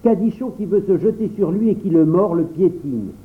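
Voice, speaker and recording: A bossy older boy, wary and stern, as a man reading a storybook puts him on. The pitch sits well above the reader's own. The audio is narrow and phone-like. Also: expressive, moderate pace. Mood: scornful. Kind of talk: storybook narration.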